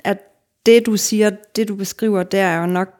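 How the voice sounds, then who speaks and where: A middle-aged Danish woman, appearing as a guest author on a casual podcast, speaks in a steady, mid-range voice with a darkish tone. She talks reflectively in long, winding sentences full of fillers.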